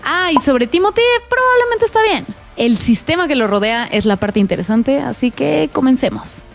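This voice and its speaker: A woman's voice: sits high, expressive, normal speed, gravelly, soft background music. A young woman with a Mexican accent hosting a casual film commentary vlog, slangy and playful with jokey asides, recorded in a provisional home spot. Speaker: film vlogger and host.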